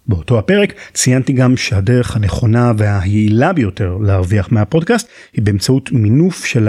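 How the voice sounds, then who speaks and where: Israeli man narrating, slightly husky, lively intonation. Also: mid-range voice, dry recording, clean studio sound. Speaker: podcast host. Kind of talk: scripted narration.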